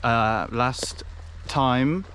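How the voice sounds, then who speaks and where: Out on a wooded fellside, a young man records a hiking vlog with a handheld action camera. He drawls his words in a mid-range, slightly bright voice, chatty and self-deprecating, restarting as he rambles. There's a little hiss or hum in the recording.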